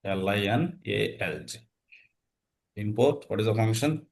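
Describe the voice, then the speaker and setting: A male instructor with a fairly low voice runs a coding lesson. He dictates code piece by piece in short fragments and puts brief questions to his students. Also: lively intonation, a little slow, creaky, darkish tone.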